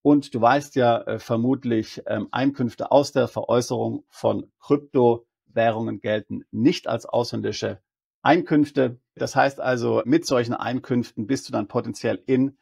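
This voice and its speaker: A man with a gravelly, husky voice talks straight to his viewers as a tax advisor. He works through legal rules step by step, reading out the law text and explaining it in plain terms. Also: medium pitch, fairly even intonation, a little slow, darkish tone. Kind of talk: explanatory video talk.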